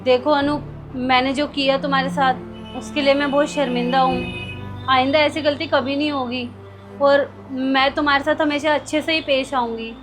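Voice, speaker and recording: A woman's voice: very high-pitched, moderate pace, over music. A woman playing a rich wife who scolds a guard and later apologises, in a short melodrama. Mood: ashamed. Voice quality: sharp and scolding, then soft and ashamed. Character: arrogant rich wife who turns remorseful. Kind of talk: amateur short-film acting.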